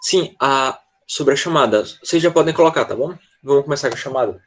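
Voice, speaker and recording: A man's voice: mid-range voice, a little fast. A man with a Brazilian Portuguese accent, an English teacher giving an online class, explaining step by step and checking in often with the students.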